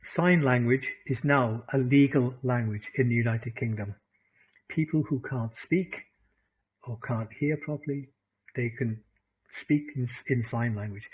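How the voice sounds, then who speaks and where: A man's voice: medium pitch, breathy edge, rough recording. A British man teaching an online English class in a chatty way, repeating words and laughing at his own remarks. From Britain.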